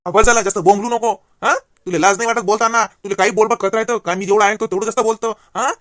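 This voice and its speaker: A man's voice: sits high, fairly even intonation, fairly bright tone, no room sound, clean studio sound. A voice actor playing an indignant young husband in a cartoon, reproaching his wife. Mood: angry. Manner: rapid, reproachful ranting. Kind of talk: cartoon voice acting.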